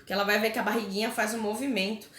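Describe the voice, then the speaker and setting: Chatty Brazilian teacher in an echoey room. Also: female voice, mid-range voice, fairly even intonation, rapid-fire, a bit bright. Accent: Brazilian Portuguese. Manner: chatty, frequent tag questions. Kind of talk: explaining homework to parents.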